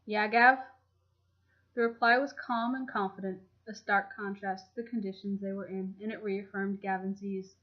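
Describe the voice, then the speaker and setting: A woman reading a fan fiction chapter aloud in a steady, even storytelling manner. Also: mid-range voice, normal speed, few pauses. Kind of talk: audiobook narration. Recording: dull lo-fi home recording.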